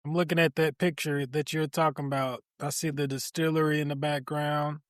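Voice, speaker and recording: Animated man chatting on a podcast. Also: on the high side, fairly quick, no echo, studio quality. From Louisville, Kentucky area. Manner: animated, incredulous reactions. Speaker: podcast co-host. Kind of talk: casual chat.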